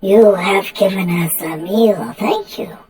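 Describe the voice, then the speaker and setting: A man voicing a slow, otherworldly disembodied spirit who feeds her children, as game master of a tabletop game. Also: high voice, a crowd in the background, pitched above the performer's own voice. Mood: puzzled, grateful.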